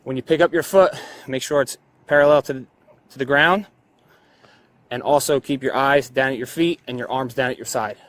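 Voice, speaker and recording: A man's voice: medium pitch, moderate pace, fairly bright tone. A male police officer giving step-by-step procedural instructions on a body camera, often checking that he is understood. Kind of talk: procedural instructions during a traffic stop. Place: outdoors at a roadside.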